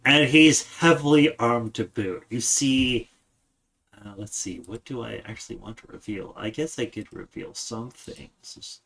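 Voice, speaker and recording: A man's voice: medium pitch, a little slow, creaky, fairly bright tone. A man narrating a tabletop game as game master, describing scenes and often restarting his sentences.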